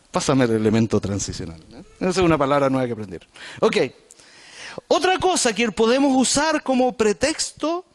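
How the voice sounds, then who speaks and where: A man with a Chilean Spanish accent preaching a sermon in a church, talking directly to the congregation in a conversational way. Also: sits high. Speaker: pastor.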